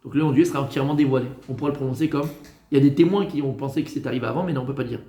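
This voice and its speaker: A man, a rabbi, teaching a class in lively style, often asking questions and answering them himself. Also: medium pitch, very fast. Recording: echoey room.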